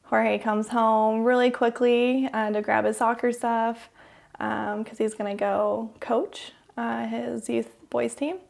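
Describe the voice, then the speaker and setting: Halting woman with a gravelly voice. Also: a little high, little pitch movement, a little mellow. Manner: halting, many fillers, drops to a whisper at hard moments. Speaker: podcast co-host. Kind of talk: personal storytelling.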